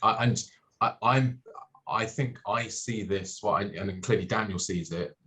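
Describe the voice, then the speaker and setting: A man from Hong Kong in a casual podcast discussion, talking in halting bursts full of restarts and fillers. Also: fairly low pitch, a bit bright.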